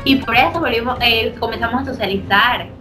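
A young woman co-hosting a casual chat, lively, laughing and cutting in. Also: on the high side, fairly quick, music in the background. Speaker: podcast co-host.

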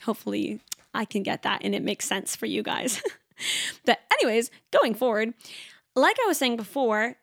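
A young woman in her twenties hosting a casual solo podcast, talking fast and chatty with lots of "like" fillers. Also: a little high, creaky, fairly bright tone, no room sound, clean studio sound. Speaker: podcast host.

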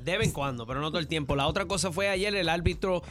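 A man's voice: fairly high pitch, fast, fairly bright tone. A man co-hosting casual sports chat, slipping into English words as he explains.

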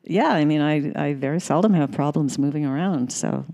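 A woman's voice: sits low, brisk, mellow. A woman who is a gym member, chatting casually with hesitant restarts and easy laughter. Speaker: gym member being interviewed. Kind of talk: casual chat.

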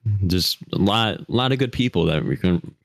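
A man's voice: low voice, expressive, normal speed, gravelly, no room sound. A young man co-hosting a casual podcast, rambling and laughing at himself as he talks. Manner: giggly, rambling, self-deprecating. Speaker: podcast co-host, driver.

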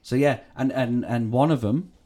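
A man's voice: medium pitch, moderate pace, dark tone. Male podcast co-host; loose, rambling, salty storyteller. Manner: rambling, swears freely, breaks into laughs. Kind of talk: casual true-crime podcast chat.

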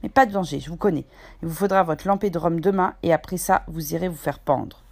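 A woman's voice: on the low side, fairly quick, creaky, a little mellow. A woman reading aloud, voicing a cunning old male pirate cook who speaks in persuasive, folksy sailor's slang. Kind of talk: audiobook character voice.

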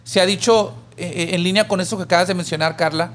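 A man's voice: high voice, quick pace. A man, co-hosting a church podcast and telling a parable in a conversational teaching style. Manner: animated storyteller who raises his voice for the pleading character. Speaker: podcast co-host.

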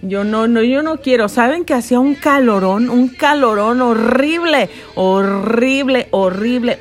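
A middle-aged woman from Mexico telling a personal story, animated and dramatic with many exclamations. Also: medium pitch. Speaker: podcast host.

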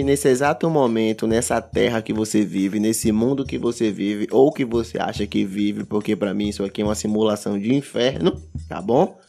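A male podcast host speaks with a Bahian Brazilian accent in a mid-pitched voice. His delivery is a casual comic monologue, full of slang and profanity, with phrases repeated for emphasis. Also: gravelly, darkish tone. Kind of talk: casual comedic monologue about a TV series.

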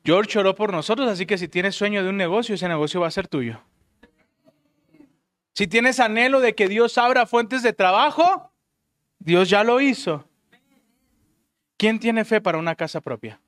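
A man's voice: sits high, animated, moderate pace, pauses often, fairly bright tone, no room sound. A man preaching a sermon, calling out questions to the congregation. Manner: fervent, calls out questions to the congregation. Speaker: pastor.

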